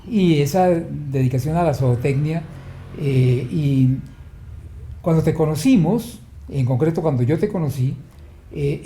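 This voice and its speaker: A man interviewing a guest formally, speaking slowly and often pausing to search for words. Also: a little high, dark tone, roomy sound. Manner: slow, measured, searching for words.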